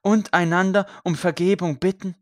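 A man voicing a gaunt condemned priest who preaches loudly to a crowd. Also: high voice, steady tone, normal speed, no room sound, studio quality, voice pushed up, lightly acted. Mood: fervent. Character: gaunt condemned male priest, fervent and forgiving.

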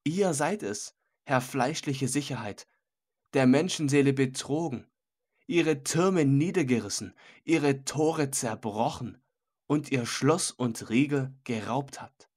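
A man voicing a grave, sorrowful old man who speaks with solemn reproach, in a husky voice. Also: mid-range voice, slow pace, darkish tone. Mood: reproachful. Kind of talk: audiobook character voice.

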